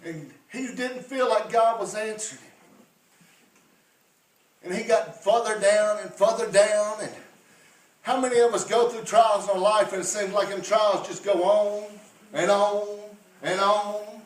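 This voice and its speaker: A high-pitched man preaching, his voice climbing into fervent shouts between drawled "uh" fillers. He is heard from some distance in a roomy, echoing church. The sermon swings from quiet pleading to loud exhortation. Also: fairly even intonation, unhurried. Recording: echoey room heard from a distance.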